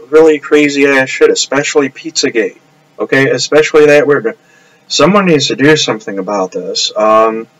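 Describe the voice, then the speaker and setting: A man's voice: medium pitch, a bit bright, poor audio. Man, rambling live stream chat, loose and meandering, home apartment. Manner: rambling, restarts often, laughs to himself. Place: upstairs apartment in a house.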